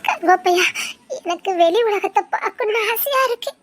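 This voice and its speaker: A woman's voice: very high voice, normal speed, a bit bright, faint music behind. A young woman with a Tirunelveli Tamil accent, playing a sheltered village girl who is emotional and full of wonder about the outside world. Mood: tearful. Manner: emotional, wistful, gushing with wonder. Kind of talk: web series drama acting.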